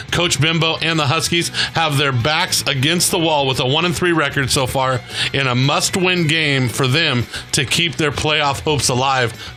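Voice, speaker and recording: A man's voice: fairly high pitch, bright, forceful tone. A man hosting a local sports talk show, commenting on football and interviewing players.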